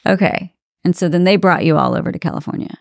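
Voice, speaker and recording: Gravelly-voiced woman co-hosting a podcast. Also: lowish voice, fast, no echo, clean studio sound. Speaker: podcast co-host. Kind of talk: casual interview. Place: podcast studio, indoors. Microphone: studio mic on boom arm.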